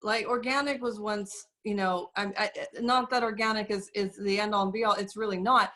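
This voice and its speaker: A woman talks as an interview guest, measured and earnest, often pausing on fillers as she explains. Her voice sits at a middle pitch. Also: fairly even intonation, sharp tone. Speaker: guest, soap company representative. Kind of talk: casual interview talk.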